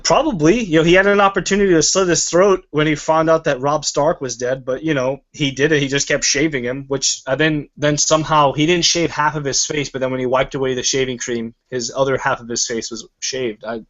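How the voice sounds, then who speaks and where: A man's voice: on the high side, fairly even intonation, a little fast, few pauses, fairly bright tone. Rambling, swearing man on muffled audio. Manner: rambling and profane. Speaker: show host. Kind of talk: casual review chat. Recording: muffled lo-fi recording.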